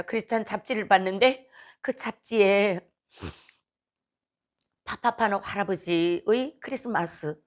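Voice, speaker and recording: A middle-aged woman from North Korea with a North Korean accent, telling her personal faith testimony in an earnest, emotional storytelling way. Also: medium pitch. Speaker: testimony speaker.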